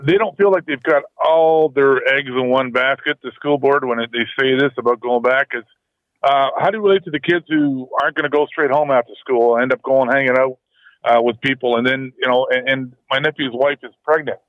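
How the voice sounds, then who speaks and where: A man's voice: medium pitch, no echo. Guy calling in on the phone, rambly, dry tinny line, keeps repeating himself. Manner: rambling, halting, repeats words. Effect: heard over the phone. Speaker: radio caller. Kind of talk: call-in radio chat.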